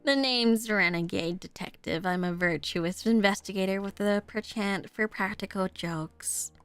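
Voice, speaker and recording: A woman's voice: mid-range voice, unhurried, smooth, no echo, soft background music, natural voice. A woman voicing a mischievous, morbid male detective from a video game, with a theatrical, teasing cadence. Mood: smug teasing. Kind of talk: dramatic dub-like reading of game dialogue.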